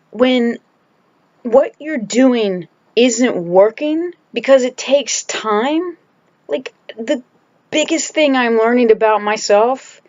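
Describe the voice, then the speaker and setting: A woman with a slightly high voice records a candid video diary at home, speaking with emphasis and stopping to rework her phrasing. The sound is dry and a little dull, like a small home camera mic up close. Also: a little mellow, no echo. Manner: candid and emphatic, restarts and trails off. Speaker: vlogger. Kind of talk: casual personal video diary.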